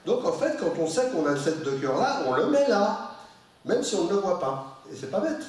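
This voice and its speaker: A man lecturing to a public audience in a slightly high voice, lively and informal, given to asides and muttered remarks. He sounds far from the microphone. The sound rings around a large, very echoey hall. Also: moderate pace. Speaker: professor giving a public lecture.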